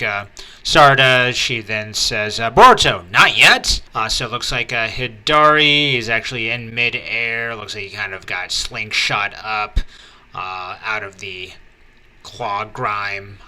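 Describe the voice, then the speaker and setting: A man casually reading through manga chapters page by page, chatty and full of fillers and excited asides. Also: fairly low pitch. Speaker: manga reviewer and channel host.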